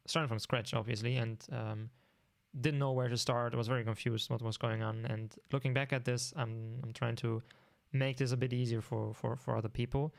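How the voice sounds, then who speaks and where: Hesitant German-accented male tutor, gravelly tone, mid pitch, dry recording. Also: no echo. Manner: hesitant, many ums and restarts. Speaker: programming course instructor. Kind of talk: informal online lesson.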